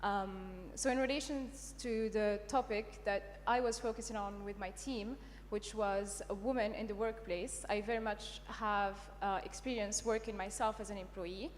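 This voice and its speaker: A woman's voice: medium pitch, fairly even intonation, moderate pace, hardly any pauses, long reverb tail, slight background noise. A young woman from Morocco, an entrepreneur, introducing herself on stage with confidence and light fillers. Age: young adult. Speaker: entrepreneur panelist.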